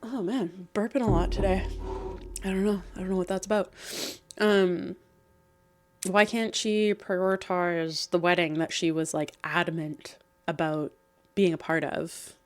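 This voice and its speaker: A woman casually reading stories aloud and breaking in with chatty, animated asides to the viewer. She sounds slightly croaky. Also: on the low side, unhurried. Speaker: host reading and reacting to online stories.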